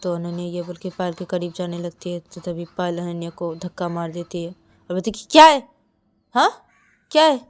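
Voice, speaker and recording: Brief: woman storyteller, mellow and warm, plain repetitive narration. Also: lowish voice, monotone, fairly quick. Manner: repetitive connecting phrases. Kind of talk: told romance story narration.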